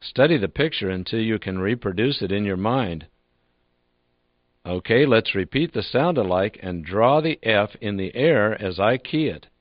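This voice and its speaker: A man teaching a drill lesson in a calm, patient, scripted manner, repeating practice phrases for the listener. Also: lowish voice, normal speed, no room sound, dull audio. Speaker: instructor. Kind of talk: scripted instructional narration.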